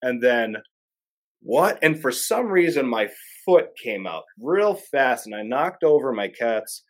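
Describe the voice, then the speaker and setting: A man's voice: medium pitch, very animated, measured pace. A man, a filmmaker guest, telling a story in casual chat and acting out his own quotes.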